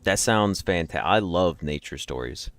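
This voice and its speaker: Speaking slowly in a low, expressive voice, a livestream host jokes and rambles through a slangy, casual chat with viewers. There's no room sound.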